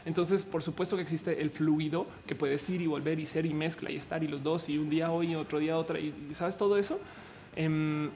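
Low-voiced Mexican woman chatting casually. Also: fairly even intonation, a little fast, a little mellow, a little hiss or hum. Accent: Mexican Spanish. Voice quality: low, androgynous voice. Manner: slangy, rambling, peppered with fillers and laughs. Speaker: streamer answering viewer comments. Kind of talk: casual chat.

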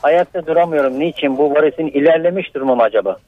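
A man speaks quickly over a landline phone, his voice thin and tinny. He asks worried, plain questions. The line sounds dry and close, with no room around it. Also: fairly high pitch, no echo. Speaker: caller to a radio health show. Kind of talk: call-in question.

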